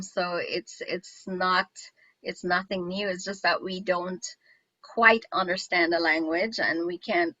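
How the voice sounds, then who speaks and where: Hosting a casual interview, a woman from Guyana chats enthusiastically and restarts a lot. Her voice sits on the low side but comes across pushed and bright, in a dry, lo-fi recording.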